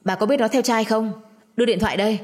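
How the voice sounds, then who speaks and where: A woman's voice: a little high, quick pace, long reverb tail, voice pushed up, close to an everyday voice. A woman reading a menacing, violent young husband. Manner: harsh and menacing.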